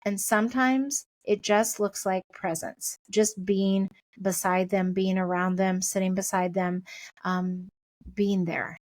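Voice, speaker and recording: A woman's voice: mid-range voice, fairly even intonation, takes it slowly, a little mellow, no echo, studio quality. Middle-aged lady podcast host, chatty pep talk, easygoing and encouraging, talks it all through.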